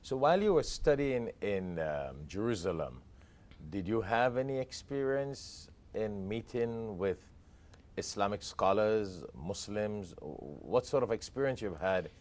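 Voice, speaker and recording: A man's voice: fairly low pitch, animated, a little slow, a little mellow. A man hosting an interview, asking long probing questions and interjecting with short affirmations. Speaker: interviewer, show host.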